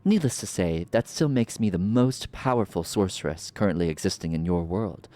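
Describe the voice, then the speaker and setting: A man voicing a haughty, mocking ancient sorceress from a game, speaking in slow theatrical villain menace. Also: deep voice, mellow, natural voice. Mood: imperious menace. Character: haughty sardonic ancient sorceress villain, memory manifested, woman. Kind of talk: reading game dialogue aloud in character.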